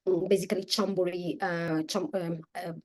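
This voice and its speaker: A woman, speaking as an interview guest in a casual, halting way with many restarts and fillers. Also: fairly low pitch, fairly even intonation, darkish tone. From Italy.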